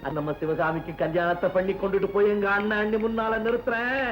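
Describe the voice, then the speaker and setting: A man's voice: high-pitched, fairly even intonation, quick pace, faint music behind, natural voice, rough recording. An actor playing a brash young village man who fiercely protects his sister, defiant and mocking in a 1960s film. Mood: earnest.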